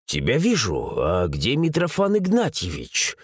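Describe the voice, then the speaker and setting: A man doing a gruff mustached constable. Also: medium pitch, huge pitch swings, measured pace, no room sound, clean studio sound, exaggerated voice. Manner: gruff, curt, growling. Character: gruff mustached male city constable, irritable.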